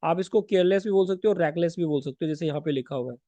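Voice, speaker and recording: A man teaching English vocabulary for exams, explaining step by step with rhetorical questions and quick self-corrections. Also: a little high, dark tone, no echo. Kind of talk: exam-prep lesson in Hindi-English mix.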